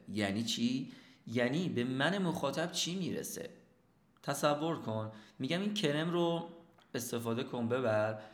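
Man teaching sales in an echoey room. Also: mid-range voice. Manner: lively, asks and answers his own questions. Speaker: sales trainer. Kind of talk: instructional talk.

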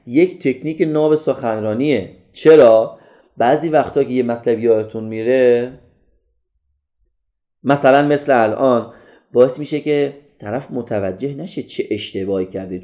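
A man teaching a public speaking course in a lively, instructive way. His voice is mellow and warm, at an ordinary pitch. He sometimes drops soft or rises loud to show how delivery changes the message. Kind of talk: online course lesson.

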